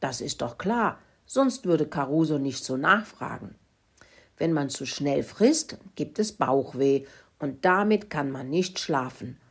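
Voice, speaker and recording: A woman voicing a clever little girl mouse in a children's story who explains things, husky voice. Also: lively intonation, takes it slowly, heavily acted. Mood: knowing. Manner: knowing, squeaky.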